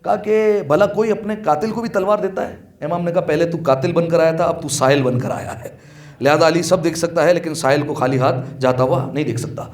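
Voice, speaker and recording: A man delivering a sermon with impassioned storytelling, raising his voice for quoted lines and asking the listeners questions. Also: fairly high pitch. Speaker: preacher. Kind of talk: Urdu majlis sermon. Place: religious hall.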